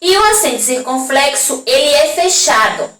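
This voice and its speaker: A woman's voice: high voice, lively intonation, fairly bright tone. Brazilian woman, primary teacher, patient lesson voice, stretches out words, echoey room, voice from a distance. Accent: Brazilian Portuguese. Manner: slow, drawn-out pronunciation of example words; frequent checking tags to the class. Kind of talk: recorded classroom lesson for young children.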